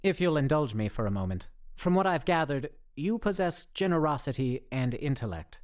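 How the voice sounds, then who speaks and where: In a radio play, a man voices an earnest, socially awkward, overly formal zombie survivor who speaks in stiff, wordy, over-precise phrases. His slightly high, somewhat mellow voice is animated at a moderate pace, lightly acted in an earnest, formal mood.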